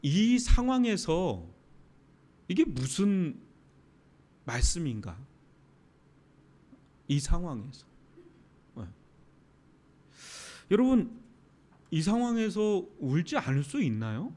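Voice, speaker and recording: A male pastor delivering a Friday night sermon, with dramatic swings from soft, drawn-out phrases to sudden loud outbursts. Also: high-pitched, very animated.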